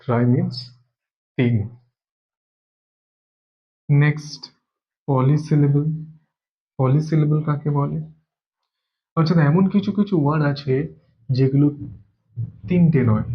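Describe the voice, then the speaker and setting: A man's voice: fairly high pitch, takes it slowly, pauses often, lo-fi sound. A man from Bengal teaching an English grammar lesson, explaining step by step and repeating key words as he goes.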